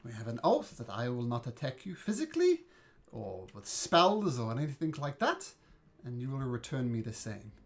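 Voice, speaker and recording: A man's voice: medium pitch, huge pitch swings, normal speed. A man voicing a character who formally swears a binding oath. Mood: solemn.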